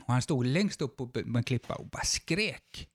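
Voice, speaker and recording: A man in his fifties in a casual group chat, telling stories in a lively way and swearing freely. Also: mid-range voice, slightly rough. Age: 50s. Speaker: guest in group talk.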